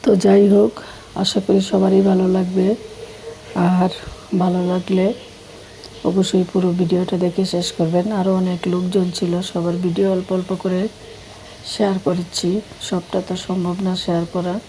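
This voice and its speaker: Middle-aged lady vlogging, bit hoarse, flat easy voice, just chatting along. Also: fairly low pitch, normal speed, slight background noise, low-quality recording. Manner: easygoing, rambling, warm well-wishing to viewers. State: hoarse at night. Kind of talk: casual vlog narration.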